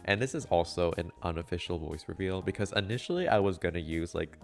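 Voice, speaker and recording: A young man with a stuffy nose and a nasal, slightly monotone voice, casually talking through a game tutorial voiceover with lots of filler words. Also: sits low, fast talker, creaky, faint music behind. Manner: a little monotone, with frequent fillers.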